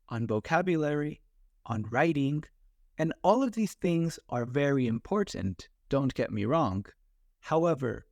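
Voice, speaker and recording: Higher-voiced Californian man teaching. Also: darkish tone, no echo, clean studio sound. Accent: Californian American. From California, United States. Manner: simplified, carefully enunciated teaching delivery. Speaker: English teacher hosting a learners' podcast. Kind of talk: educational podcast monologue.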